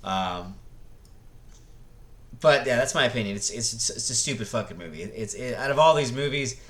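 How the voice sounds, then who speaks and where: A middle-aged man hosting a movie review vlog talks in an expressive, medium-pitched voice with a fairly bright tone. He gives casual, rambling, blunt opinions laced with profanity, halting repeatedly on false starts before trying again.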